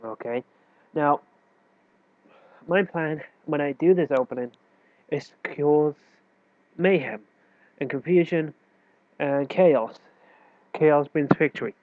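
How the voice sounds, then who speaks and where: A chess teacher with a stuffy, nasal voice from a cold explains moves in a loose, self-correcting way for a casual tutorial. His voice is a little high, slow and full of pauses, on a tinny, dry, phone-like recording with no room sound.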